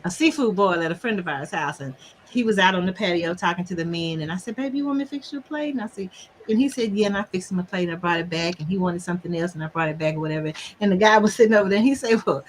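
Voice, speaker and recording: A middle-aged woman counselor chatting casually and telling lively stories, often laughing and mimicking the people she quotes. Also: on the low side, fast talker, a little hiss or hum. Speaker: relationship counselor guest. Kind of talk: casual conversation.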